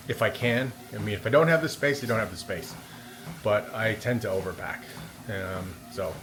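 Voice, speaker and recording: A man talking casually and a little hesitantly in a rambling vlog as he walks on a treadmill. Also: fairly low pitch. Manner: talking while walking on a treadmill. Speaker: vlogger. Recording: steady background noise of treadmill. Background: treadmill and room noise.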